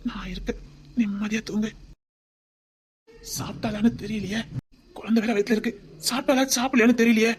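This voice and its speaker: A woman's voice: mid-range voice, a little mellow, a little hiss or hum, natural voice. A woman with a Tirunelveli Tamil accent voicing a doting young husband and father-to-be, tender and pleading, often near a whisper. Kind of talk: homemade web drama.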